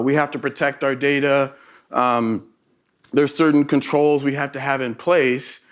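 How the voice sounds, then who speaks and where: With a Texas accent and a mid-range voice, a middle-aged conference presenter gives a tech talk to a live crowd. He holds the room's attention, frequently closing his points with a quick "right?".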